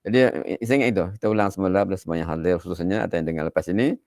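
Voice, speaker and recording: Low gravelly Malaysian Malay preacher. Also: male voice, a little mellow, no echo, clean studio sound. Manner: chatty, chuckling, repeats verses slowly. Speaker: religious lecturer. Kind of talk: online dawn religious lecture.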